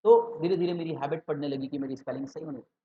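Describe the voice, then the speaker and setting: Teacher with a lilt. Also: male voice, on the high side, warm tone, a little hiss or hum. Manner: mixes English and Hindi, slows for key terms; rhetorical questions to students. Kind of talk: exam-prep lecture. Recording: dull lo-fi sound.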